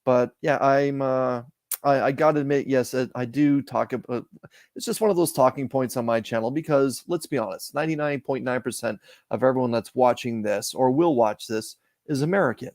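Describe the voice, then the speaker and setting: A man's voice: medium pitch, moderate pace, a little mellow, dry recording, clean studio sound. A Canadian man, a guest on a live stream, chatting casually and rambling with repeated starts. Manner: rambling, repeats and restarts words.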